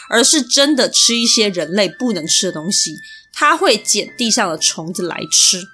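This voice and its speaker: A woman hosting a history podcast, telling old legends in a chatty, explaining way and spelling out the characters of words. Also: mid-range voice. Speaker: podcast host. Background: soft background music.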